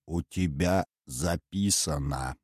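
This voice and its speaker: A man voicing a furious aristocratic commander who speaks quietly and hisses through his teeth with barely held rage. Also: on the low side, expressive, extremely slow, dry recording, studio quality. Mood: quietly menacing.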